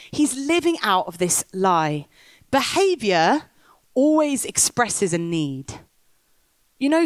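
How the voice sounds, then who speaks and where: This dry recording captures a high-voiced woman delivering a sermon on the stage of a big top tent. She tells a story and stirs up the audience.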